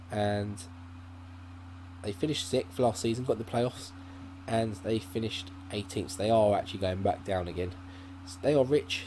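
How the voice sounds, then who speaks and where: The recording is low quality: a man with a mellow, medium-pitched voice hosts a gaming channel and rambles casually through let's-play commentary. He thinks aloud with many fillers and restarts, speaking into a desk mic at his laptop as it hums faintly.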